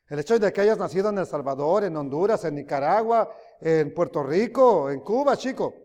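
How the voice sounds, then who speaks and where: A man preaching a sermon, emphatic, swinging between loud rises and quiet drops, often asking his listeners questions. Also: high voice. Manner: emphatic, rising and dropping loudly, asks the audience questions. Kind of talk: sermon teaching. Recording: long hall reverb.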